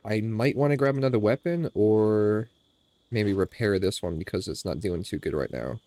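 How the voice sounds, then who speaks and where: Speaking at a moderate pace with a fairly low pitch, this young gaming streamer has a nasal voice and no room sound behind him. He chats casually about his gameplay into a headset from a room in his home, easygoing and addressing viewers as "boys."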